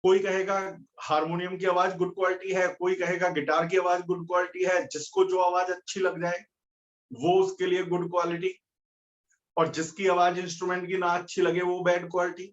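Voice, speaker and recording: A man with a fairly high voice gives a physics lecture. He explains each point step by step and keeps asking his students questions. The recording sounds dull and lo-fi. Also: completely flat delivery, moderate pace, a little hiss or hum. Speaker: physics teacher. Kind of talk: classroom lecture.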